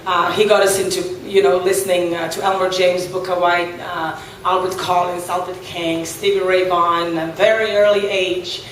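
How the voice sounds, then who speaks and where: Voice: mid-range voice, little pitch movement, moderate pace, few pauses, a bit bright. A blues guitarist from Serbia with a Serbian accent, speaking English as a second language, answering interview questions on a boat in a thoughtful way, with many fillers and restarts. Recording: echoey, far from the mic, faint noise.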